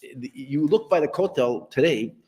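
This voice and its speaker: A man's voice: a little high, animated, a little slow, a little mellow. A man who is a rabbi giving a rambling Talmud lesson, often asking and then answering his own questions. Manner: repetitive, rambling, asks rhetorical questions. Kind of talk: explanatory lecture.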